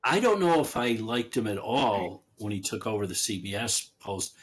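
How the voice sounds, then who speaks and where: A man with a husky, slightly breathy voice, speaking as a guest author in a relaxed conversational interview. He is chatty, laughs easily, and often trails off and restarts his thoughts mid-sentence. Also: fairly low pitch, normal speed.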